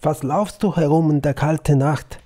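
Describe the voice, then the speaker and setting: A man's voice: a little high, fairly even intonation, moderate pace, warm tone, lightly acted. A man doing a stern old charcoal burner. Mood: concerned. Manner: firm and solemn. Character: stern, steady older father, a forest charcoal burner.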